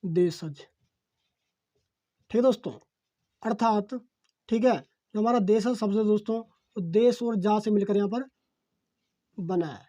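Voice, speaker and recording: A male teacher walks students through an exam-prep grammar lesson in a mellow, warm tone. He circles back over each phrase, keeps asking "what is it?" and then answers himself. He checks in with his listeners again and again by calling them friends. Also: sits high. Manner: repetitive, asks himself rhetorical questions and answers them; fills pauses with "okay, friends".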